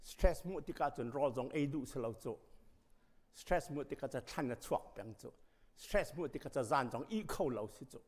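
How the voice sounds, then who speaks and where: A man preaching a sermon as pastor, speaking emphatically and rising to loud passages. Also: a little high, animated, normal speed. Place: church sanctuary. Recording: long reverb of a church hall.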